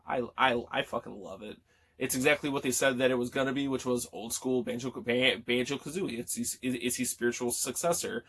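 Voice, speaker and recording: A man's voice: mid-range voice, a bit bright. A man in his thirties chatting casually about games he picked up, rambling with many fillers and restarts and swearing freely, his voice still cracking after being sick. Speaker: gaming vlogger. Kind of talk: casual chat.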